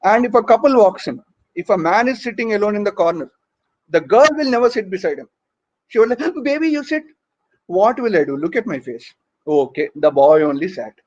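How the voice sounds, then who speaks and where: Man, Indian English accent, stand-up comedian, high voice, teasing and chatty, dull lo-fi online audio. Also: lively intonation, brisk, a little mellow. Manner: teasing, chatty, frequent tag questions. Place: home, virtual conference. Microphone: online call audio.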